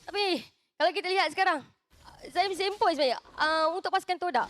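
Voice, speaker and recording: Casting: Malaysian woman, urgent esports play-by-play, very high and bright, slightly noisy recording with clicks. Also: fast talker. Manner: urgent, running narration of action. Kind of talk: live match commentary.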